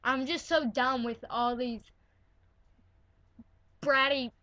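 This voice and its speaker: A woman's voice: sits high, fairly even intonation, slow pace, bright, forceful tone, dry recording. A teenage girl ranting from her bedroom in an indignant, sarcastic way, filling her talk with "like" and "all right?". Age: teens. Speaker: vlogger. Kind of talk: ranting to camera.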